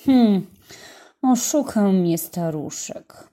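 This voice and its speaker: A woman's voice: mid-range voice, expressive, very slow, dark tone. A woman reading a storybook, voicing an eager, stubborn little boy who pleads insistently. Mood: hopeful.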